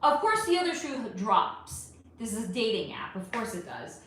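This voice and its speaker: A woman hosting a livestream, telling dating stories in an animated, blunt way with some swearing. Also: fairly high pitch, normal speed. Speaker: spiritual reader and livestream host. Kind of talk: casual livestream storytelling. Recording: very echoey room, faint noise.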